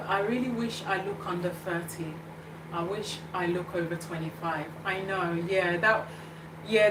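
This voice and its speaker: A woman's voice: fairly low pitch, echoey room, far from the mic, noisy background. A woman in her thirties hosting a casual live chat, hesitant and full of fillers and restarts. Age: 30s. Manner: hesitant, many fillers and restarts, laughs often. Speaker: show host reading live comments.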